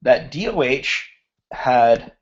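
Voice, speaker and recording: Mid-range and very animated, the voice of this finance instructor comes through a computer mic on a video hangout with the highs cut off. Slowly thinking aloud as he formats cells in a screen-shared spreadsheet lecture, he is losing his voice and keeps clearing his throat.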